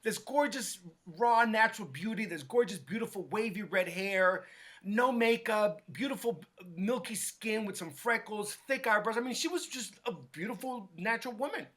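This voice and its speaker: A man, a hairstylist guest, telling a story in an animated way and acting out what others said. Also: high-pitched, moderate pace. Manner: acts out quotes with lively voices, many restarts.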